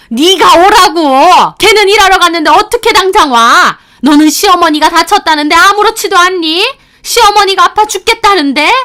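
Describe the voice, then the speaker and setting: A woman voicing a bullying older mother-in-law who scolds and shouts. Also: sits high, smooth.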